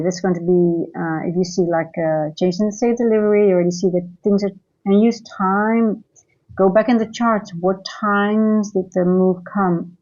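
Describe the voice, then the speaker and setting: Thinking out loud with many fillers and restarts, a Singapore-raised woman runs a live trading stream of market commentary and viewer chat. She has a medium-pitched voice with a dark tone, and the audio sounds dull.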